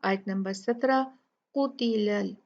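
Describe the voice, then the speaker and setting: A woman with an Urdu accent teaches tajweed in an unhurried, gravelly voice. She explains each rule patiently, then draws out the recited words slowly. The audio is a little dull and lo-fi. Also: medium pitch, darkish tone. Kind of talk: Quran recitation lesson.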